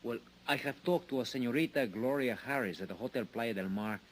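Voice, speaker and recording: An actor playing a deferential police sergeant with a Mexican accent, speaking hesitantly in an old time radio drama. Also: male voice, mid-range voice, a little fast, natural voice. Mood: hesitant, dutiful. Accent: Mexican Spanish. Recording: faintly noisy old radio recording.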